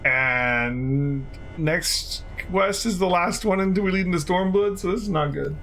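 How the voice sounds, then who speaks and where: A man's voice: sits high, measured pace, fairly bright tone, slight background noise. A man giving casual let's play commentary as he reacts to a video game. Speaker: game streamer.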